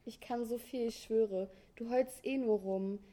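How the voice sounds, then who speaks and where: A woman's voice: a little high, fairly even intonation, measured pace, warm tone, natural voice. A woman voicing a rude, arrogant fox who insults in street slang. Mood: mocking.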